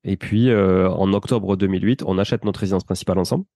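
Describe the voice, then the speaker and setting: A man's voice: low voice, fairly even intonation, quick pace, dark tone, no room sound, clean studio sound. A man of around forty with a Toulouse accent, telling his life story as a guest in a casual interview and often turning to the host. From France. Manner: chatty, addresses the host with "tu vois".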